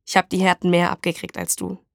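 A woman voicing a blunt, mocking homeless man who collects bottles, talking in rough street slang. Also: fairly low pitch, very animated, fast, no echo, clean studio sound.

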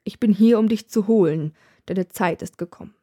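A woman's voice: mid-range voice, moderate pace, dark tone, slightly rough, lightly acted. A woman voicing Death as a tired, grumpy male worker who sighs and grumbles, put-upon by his job.

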